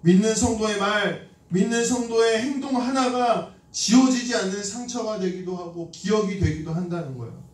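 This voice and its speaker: High-voiced male preacher in an echoey hall. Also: normal speed, few pauses. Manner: conversational, asks the congregation questions, acts out quoted lines. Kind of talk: sermon with storytelling. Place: church sanctuary. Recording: echoey hall from a distant mic.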